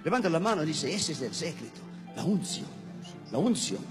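A man in his fifties preaching a shouted revival sermon in simple broken Spanish, calling out prompts to the crowd and joking. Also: a little high, sing-song, fairly quick. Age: 50s. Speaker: guest preacher. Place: large crusade gathering. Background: faint music and crowd.

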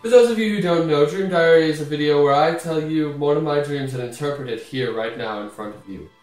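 A young man with a slightly high voice tells stories to camera in a mock-mystical, deadpan way, leaving dramatic pauses. He sounds a little far from the mic in a very echoey small room, with faint music behind him. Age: 20s. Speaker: host of a comedic dream diary video series. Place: small indoor room at home.

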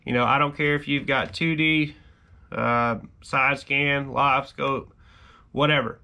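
Here the same kind of speaker, a man in his thirties who hosts a fishing channel, talks to camera at desk distance inside a cluttered garage workshop. His medium-pitched voice is creaky with a sharp tone, fairly even in intonation, and he takes his time. The casual how-to explanation rambles along easily, full of "you know."

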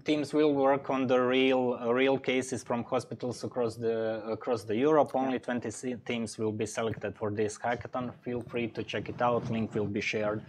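Slow, halting male stream host. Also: mid-range voice, a little hiss or hum. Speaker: hackathon co-host. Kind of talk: livestream announcements. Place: studio set with desk.

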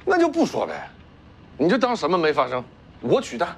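A man's voice: fairly high pitch, wildly swooping pitch, fairly quick, slight background noise. A stammering Northeastern young man. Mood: flustered. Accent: Northeastern Chinese. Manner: stammering, defensive. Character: flustered young village man, stammering and evasive. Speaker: son Bingkun. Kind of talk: TV drama acting.

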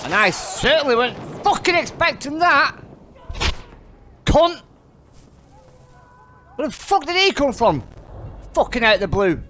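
Excitable sweary man gaming. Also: extremely high pitch, a little slow, pauses often. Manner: excitable, swears constantly, taunts enemies, laughs often. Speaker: gamer narrating his clips. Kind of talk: gameplay commentary. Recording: gunfire and music behind the voice. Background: gunfire and music from the game.

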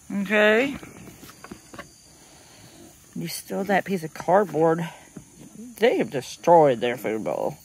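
A woman with a mid-range voice films her animals outdoors on her homestead, chatting casually, laughing often and speaking sweetly to them. She's a homestead vlogger narrating as she does farm chores around the pens and pasture. The recording has a little hiss or hum.

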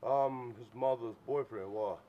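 A middle-aged man from Virginia with a husky voice, speaking tersely and casually from a doorway. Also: mid-range voice, unhurried. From Virginia, United States. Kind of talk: casual doorstep talk. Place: open doorway of a house at night. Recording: muffled body-camera audio, off mic.

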